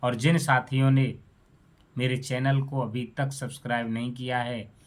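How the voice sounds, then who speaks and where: A man's voice: mid-range voice, flat delivery, a little slow. A man telling a moral story and drawing a lesson from it, often addressing his listeners as friends. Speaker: storyteller on his own channel.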